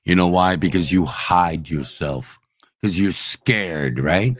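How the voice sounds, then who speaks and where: A man in a heated, profane livestream rant at online trolls, swinging between shouting and low growls. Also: takes it slowly. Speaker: streamer ranting at online trolls.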